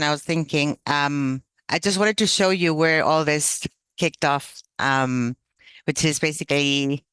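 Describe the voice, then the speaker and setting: Man presenting, halting with fillers. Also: fairly high pitch, bright, forceful tone, clear, resonant tone, no room sound. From Chile. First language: Spanish. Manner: hesitant, many "um" fillers and restarts. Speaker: workshop presenter. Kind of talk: online workshop talk. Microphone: video call.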